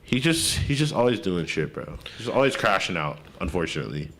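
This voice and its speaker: A podcast co-host man in casual conversation. His voice sits low but moves widely in pitch, and he rambles along easily with plenty of fillers. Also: sing-song, a little fast, a bit bright. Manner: laid-back, rambling with many fillers.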